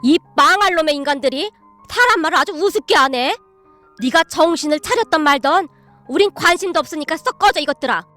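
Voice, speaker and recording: A woman's voice: high voice, animated, fairly quick, soft background music. A woman voicing a timid middle-aged mother-in-law who earnestly practices sounding fierce. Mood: shouting. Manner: eager, earnest, practiced shouting.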